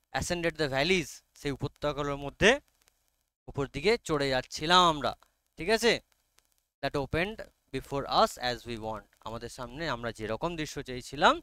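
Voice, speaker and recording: Bengali-accented male teacher, bright clear voice. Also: a little high, no echo. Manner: coaxing, repeatedly checks understanding, reads English lines very slowly. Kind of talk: online class explaining an English text.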